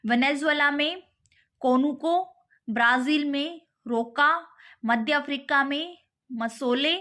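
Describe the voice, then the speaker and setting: A woman's voice: sits high, pushed and bright. A woman teaching a geography lesson, repeating key terms and often checking in with her listeners.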